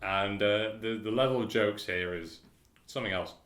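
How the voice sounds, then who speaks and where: A man's voice: lowish voice, moderate pace, fairly bright tone. A man co-hosting a podcast in casual chat, rambling, stumbling over words and laughing often. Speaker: podcast co-host. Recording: roomy echo.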